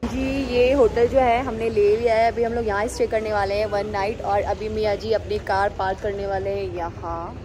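A woman's voice: medium pitch, little pitch movement, normal speed, hardly any pauses, background noise. A young woman casually narrating a travel vlog to her phone camera as she walks through a hotel and night streets. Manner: chatty, narrating to camera while walking. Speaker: vlogger. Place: hotel room and night streets of a hill town. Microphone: phone held at arm's length. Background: background music.

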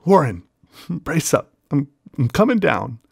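A man's voice: fairly high pitch, a little slow, creaky, slightly rough, dry recording, clean studio sound, voice pushed up, exaggerated voice. A man doing an urgent, frightened caller. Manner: urgent, excited calling. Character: frightened man calling down to a friend.

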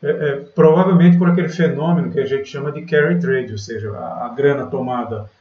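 A man's voice: mid-range voice, a little fast, roomy sound. Man, from Brazil, trading channel host, chatty screen-share commentary, distant mic, dull sound. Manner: chatty, filler-heavy, keeps saying "galera" and "né".

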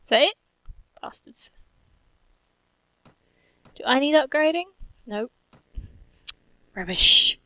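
A woman's voice: high-pitched, animated, quick pace, no echo. A woman giving casual gameplay commentary, playful, cheerfully swearing and humming to herself. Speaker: gaming channel host.

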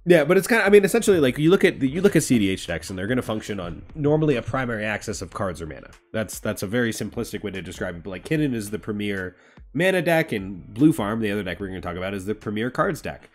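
Animated, blunt man arguing game strategy. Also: fairly low pitch, quick pace, faint music behind. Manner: emphatic, blunt, swears freely. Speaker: podcast co-host. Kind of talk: casual strategy discussion. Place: home room. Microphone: video call.

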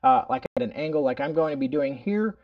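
A middle-aged man presents a product casually from a room in his home, talking in a loose, rambling style full of verbal tags as host of a prepping review channel. His voice is a little high, animated and brisk, and the recording has its highs cut off.

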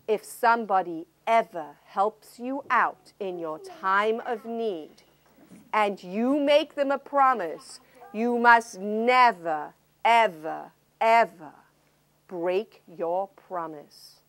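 A woman voicing a stern but kindly old king who speaks in a slow, measured way to his daughter. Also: mid-range voice, animated, dry recording.

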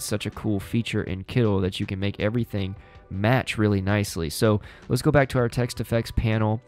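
A young man hosting a design tutorial, relaxed and upbeat, explaining each step casually into a studio mic. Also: low-pitched. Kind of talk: casual screen-recorded tutorial. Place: small home studio indoors. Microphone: studio mic on boom arm.

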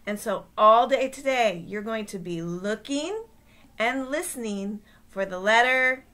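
A woman in her forties giving young children simple, deliberate step-by-step instruction. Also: on the high side, lively intonation, a bit bright. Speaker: teacher.

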